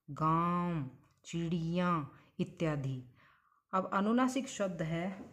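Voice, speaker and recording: A woman teaching Hindi grammar, spelling out sounds one at a time and stretching each example word. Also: on the low side. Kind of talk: slow explanatory grammar lesson.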